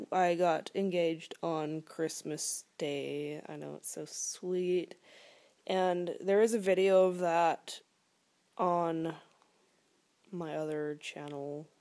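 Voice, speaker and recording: A woman's voice: fairly low pitch, darkish tone. A woman in her twenties chatting casually to camera as a vlogger, rambling with many fillers and at times dropping to a whisper, filmed close-up at home in a living room. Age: 20s. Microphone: phone or laptop camera held close.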